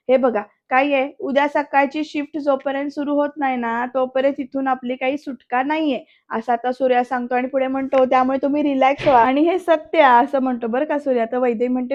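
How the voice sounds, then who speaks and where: A woman gives a voice-over recap of a TV serial episode, speaking straight to her viewers. Her voice sits high and stays fairly level. She reads the characters' dialogue aloud without much change in her tone. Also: lo-fi sound. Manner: retells scenes, addressing viewers directly; reads characters' dialogue in quotes, mostly plainly.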